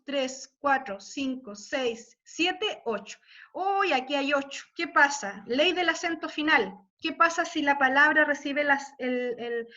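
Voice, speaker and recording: A woman teaches a class online in an unhurried, patient way, often stopping to check that everyone is following. Her voice is high-pitched. The audio is a muffled video-call recording. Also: pushed and bright. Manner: slow, patient explaining with frequent check-ins. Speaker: literature teacher. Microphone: computer mic on video call.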